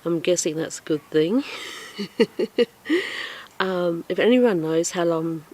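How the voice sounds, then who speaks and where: Slow-talking woman touring her garden. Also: on the low side, a little mellow. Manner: chatty, self-deprecating, with frequent ums and laughs. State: slightly out of breath. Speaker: home gardener vlogger. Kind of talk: casual garden walkthrough. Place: outdoors in a backyard garden.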